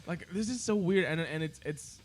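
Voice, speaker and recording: A man with a fairly high voice co-hosts a podcast at a moderate pace. In casual chat, he swears freely and mimics the people he argues with.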